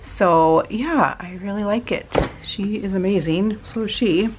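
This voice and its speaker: A chatty woman in her thirties talks casually while she works on a paper collage. She laughs often and drops to a low murmur when placing pieces. Her voice sits at an ordinary pitch, with a faint hiss of background noise. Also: a little slow. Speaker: crafting vlogger. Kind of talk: casual chat while crafting.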